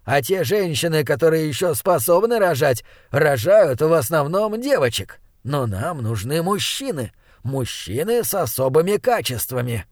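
A man reads as a smooth, patronizing old leader of a small town, coaxing and talking down to a young stranger. The voice sits a touch high and sounds close and dry, with no room around it. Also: big pitch swings, moderate pace, no room sound. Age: older. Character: elderly male town elder, smooth, condescending.

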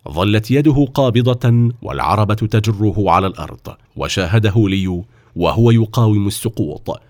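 A man narrating a children's story in a measured, expressive reading. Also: lowish voice, dry recording, studio quality.

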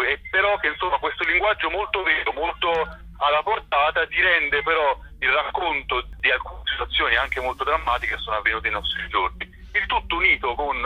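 A man with a mid-range, slightly breathy voice, a theatre director, is interviewed and explains things spontaneously, enthusiastically, and at length. He's on a telephone line aired on radio, sounding muffled and roomy.

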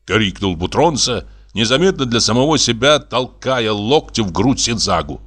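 A man voicing a hot-tempered painter who rants and shouts in an audiobook reading. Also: medium pitch, lively intonation, normal speed. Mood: ranting. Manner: ranting, shouting.

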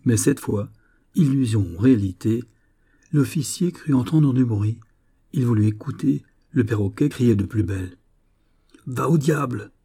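A man narrating an audiobook story in a measured, expressive way. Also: mid-range voice, creaky, breathy edge.

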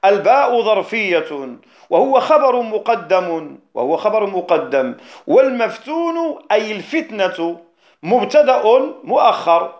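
A man, a jurist, explaining a classical poem on rhetoric in a recorded lesson, repeating key phrases and slowing down on technical terms. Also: high-pitched, sing-song, lo-fi sound. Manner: slows down to stress technical terms. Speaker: Islamic jurist teaching rhetoric.

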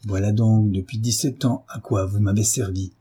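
A man plays a drunken, brutish husband of middle age, sounding menacing and intoxicated. His fairly low voice is mellow with a breathy edge and fairly even intonation, and he speaks slowly, slurring his words and pausing often.

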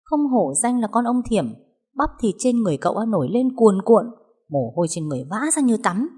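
A woman's voice: a little high, big pitch swings, a little fast, dark tone, breathy edge, pitched above the performer's own voice. A woman doing an urgent young villager. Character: young village man reporting a tiger attack.

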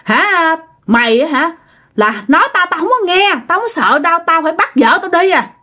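A woman with a Mekong Delta accent voicing the possessive spirit of a dead male soldier, in a shrill, insistent, taunting tone. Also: very animated, normal speed, pushed and bright, heavily acted. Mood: defiant. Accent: Southern Vietnamese (Mekong Delta).

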